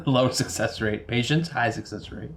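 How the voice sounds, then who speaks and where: A man's voice: medium pitch, unhurried, background noise. A man playing a tabletop game, bantering casually and jokily with the group. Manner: jokey.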